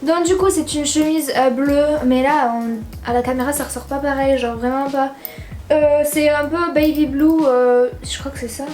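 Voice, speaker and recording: A woman's voice: sits high, fairly even intonation, normal speed, darkish tone, reverberant, soft background music. A teenage girl from southern France chatting casually in a haul vlog, rambling and slangy with lots of fillers. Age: teens. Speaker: YouTuber.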